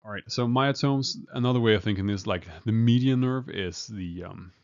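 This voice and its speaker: A man's voice: on the low side, moderate pace. A man giving an informal medical lecture, hesitant with many fillers and restarts. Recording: dull lo-fi recording.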